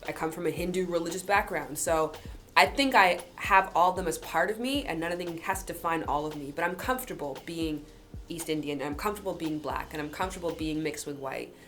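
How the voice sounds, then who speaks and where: A young woman from Guyana hosting a casual chat, telling stories in an animated way. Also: low-pitched, fast, faint music behind. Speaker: host.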